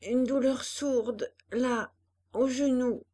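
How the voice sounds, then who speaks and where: A woman voicing a high-calling young woman on a swing. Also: very animated, a little slow, a little mellow. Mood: pained.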